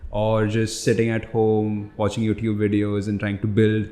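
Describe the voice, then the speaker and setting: Here a young adult founder who grew up in India chats as a podcast guest, telling loose, reflective anecdotes peppered with "like" and "you know." His fairly low voice is mellow and monotone at a normal speed, captured with roomy echo.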